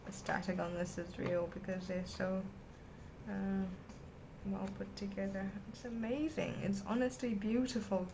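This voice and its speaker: A woman with a lowish voice gushes to camera at her desk. She rambles happily in a casual vlog chat. Faint hiss sits under her words. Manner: gushing, rambling and enthusiastic. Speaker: vlogger unboxing a stationery haul.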